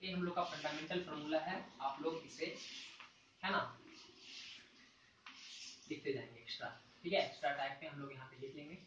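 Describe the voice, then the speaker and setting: A man teaching a math lesson at a board, talking through formulas slowly and checking in with the class again and again. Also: a little high, fairly even intonation, fairly bright tone, a little hiss or hum. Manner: repeats points with frequent "ठीक है" check-ins; slow and deliberate when writing formulas. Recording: echoey, dull sound from a distant mic.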